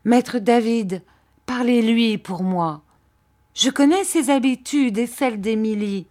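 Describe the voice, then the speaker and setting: A woman reading aloud, voicing an aging widow who begs with emotion to be taken along, in a slow audiobook delivery. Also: fairly high pitch, a little mellow. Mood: pleading. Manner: imploring, emotional. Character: pleading aging widow, tearful and devoted.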